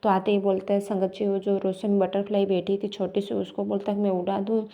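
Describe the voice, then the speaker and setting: Gravelly low-toned woman giving devotional thanks. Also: monotone, mellow, dull audio. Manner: halting, many restarts and fillers. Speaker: devotee sharing testimony. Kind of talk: devotional gratitude testimony.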